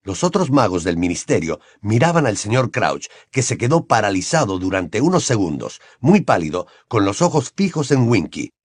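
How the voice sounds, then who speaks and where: A man narrating an audiobook with an expressive storytelling cadence. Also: on the low side, normal speed, few pauses, no room sound, studio quality.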